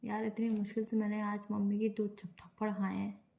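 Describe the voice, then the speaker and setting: A young woman talking softly and defensively with her boyfriend in a casual phone chat. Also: medium pitch, little pitch movement, vocal fry. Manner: quick, defensive, speaks softly. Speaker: girlfriend on a phone call.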